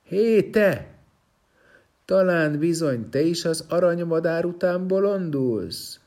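A man voicing a crowd of jeering, menacing male stone men who shout mocking threats in a storybook tale. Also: a little high, expressive, voice pushed up.

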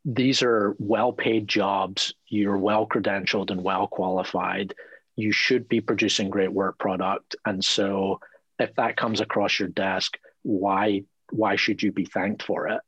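A man speaking as a lawyer guest in a conversational interview, earnest and animated, often repeating words as he thinks aloud. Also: lowish voice, a little slow, slightly rough, no room sound, muffled recording.

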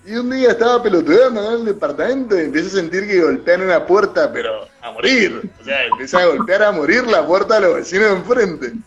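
A man from Mendoza with an Argentine accent, a musician guest in a casual online interview, relaxed and quick to laugh as he tells stories over a video call. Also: sits high, dull audio, soft background music. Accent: Argentine Spanish.

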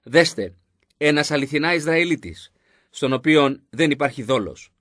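Jesus, a man reading a calm male teacher. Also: fairly high pitch, dry recording, clean studio sound. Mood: solemn. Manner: measured, solemn reading of spoken lines. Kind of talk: scripted Bible reading.

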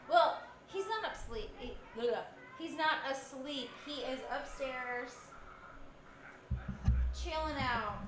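Woman, high-pitched, casual and blunt podcast banter, faintly noisy home-style recording. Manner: blunt, informal. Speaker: podcast co-host.

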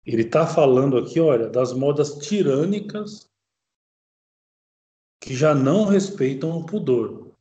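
A man's voice: fairly high pitch, warm tone, lo-fi sound. Man preaching in an echoey room. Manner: alternates slow solemn reading with quick conversational commentary. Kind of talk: sermon commenting on a read text.

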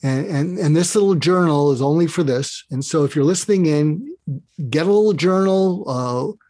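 A man talks as a podcast guest in a fairly high voice, earnestly walking the listener through an exercise. He often repeats words as he restarts his phrases. The sound is dry and close. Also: normal speed, mellow, no echo. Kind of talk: casual interview talk.

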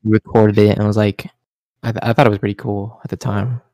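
A man's voice: fairly low pitch, flat delivery, fast talker, dark tone, no room sound. A man hosting a casual podcast chat, rambling and hedging with many fillers. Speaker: podcast host.

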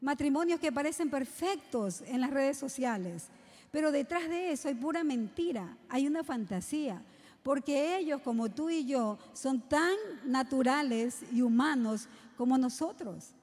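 A woman's voice: sits high, expressive, a little slow, a little mellow. A woman preaching a sermon to young people, asking the congregation rhetorical questions. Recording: long hall reverb.

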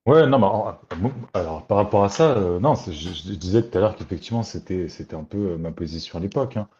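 A man's voice: deep voice, lively intonation, quick pace, warm tone. A man in a casual discussion who hesitates, restarts his sentences and thinks aloud. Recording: dull lo-fi recording.

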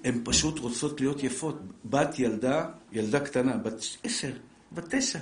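A middle-aged man giving a live religious lesson, lively and joking, speaking straight to his listeners and acting out family scenes. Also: mid-range voice, a little hiss or hum. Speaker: Torah teacher. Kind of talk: live Torah lesson to an audience. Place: class room with a live audience. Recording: echoey room.

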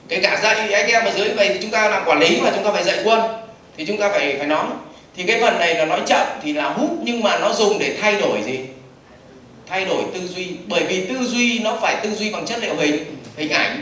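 A man's voice: high voice, animated, bright, forceful tone, far from the mic, slight background noise. Echoey lecturing man. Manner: asks the audience questions and answers them himself, acts out quick examples. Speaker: business trainer. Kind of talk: lively seminar lecture to a live audience. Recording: echoey hall recorded from afar.

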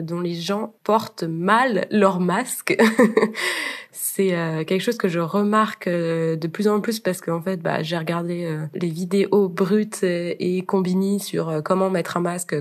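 A young woman answering interview questions thoughtfully, hesitating often with fillers and restarts. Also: on the low side. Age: young adult. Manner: hesitant, many fillers and restarts, laughs softly.

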